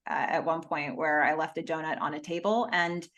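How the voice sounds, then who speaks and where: A woman's voice: low-pitched, fairly even intonation, brisk, a bit bright. A woman hosting an interview as a motivational speaker, enthusiastic and upbeat. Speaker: host, motivational keynote speaker.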